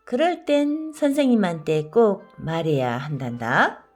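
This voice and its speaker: A woman voicing a kind, patient schoolteacher in a children's storybook read-aloud, asking gentle, soothing questions. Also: on the low side, very animated, measured pace, faint music behind.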